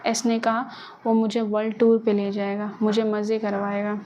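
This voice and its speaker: A woman's voice: mid-range voice, monotone, moderate pace, mellow, dull audio, a little hiss or hum, natural voice. A woman voicing a frightened young woman who speaks in a shaky, pleading way. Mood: meek. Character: frightened, tearful young woman murder suspect.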